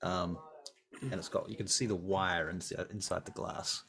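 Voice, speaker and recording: A man's voice: sits low, moderate pace, creaky, fairly bright tone, husky. A man narrating a tabletop game as game master, describing scenes with frequent ums. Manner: descriptive, with many filler ums.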